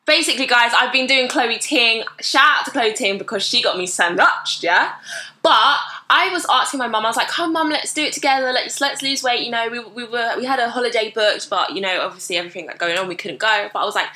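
A woman's voice: fairly high pitch, lively intonation, fairly quick, bright, forceful tone. Chatty young woman hosting. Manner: chatty, teasing, laughs often. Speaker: podcast host. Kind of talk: casual chat.

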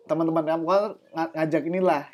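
A man's voice: a little high, level tone, quick pace, darkish tone. A young man from Java in a casual chat, speaking thick with slang and casual swearing. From Java, Indonesia.

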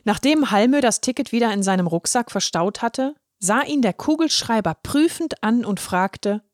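A woman narrating a children's story in a gentle, expressive reading voice. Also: a little high, moderate pace, no room sound, studio quality.

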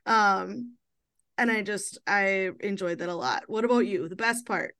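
A woman's voice: mid-range voice, a little slow, pushed and bright. A woman in her thirties hosting a podcast, chatting casually and laughing often, with lots of fillers. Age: 30s. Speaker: podcast host.

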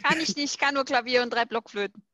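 A woman's voice: on the high side, quick pace, a crowd in the background. A woman in casual chat, making dry jokes.

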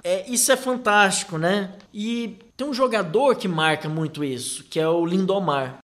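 High-pitched Brazilian man telling stories. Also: moderate pace, fairly bright tone. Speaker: football fan recounting club history. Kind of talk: personal storytelling.

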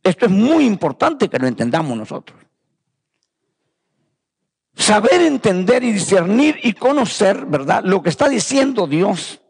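A man's voice: high-pitched, big pitch swings, measured pace, vocal fry, pauses often, a little mellow, husky, long reverb tail. A man preaching a fervent sermon, repeating phrases and calling his listeners brothers. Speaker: pastor.

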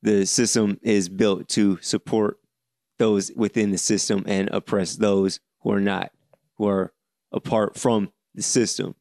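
Gravelly low-voiced young man podcasting. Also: flat delivery, darkish tone, dry recording, clean studio sound. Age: 20s. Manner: earnest, halting, many restarts. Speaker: podcast host. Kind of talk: solo podcast commentary.

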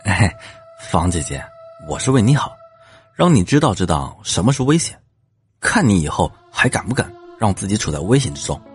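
A man voicing a cocky young male police officer who talks smugly and teasingly, with a husky voice. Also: low voice, big pitch swings, moderate pace, faint music behind. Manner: smug, teasing, with scoffs. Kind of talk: audio drama acting.

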